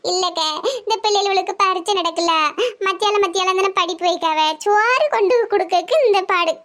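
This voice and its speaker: A woman voicing a melodramatic middle-aged village housewife in a cartoon comedy, theatrical and sharp-tongued. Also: brisk. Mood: complaining. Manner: shrill, theatrical wailing and complaining.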